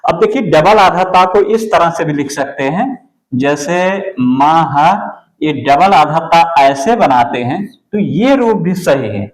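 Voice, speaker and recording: A man teaching an exam-prep spelling lesson, going slowly and repeating each word. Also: fairly high pitch, animated, echoey room, low-quality recording. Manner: slow, deliberate, repeats words for the student.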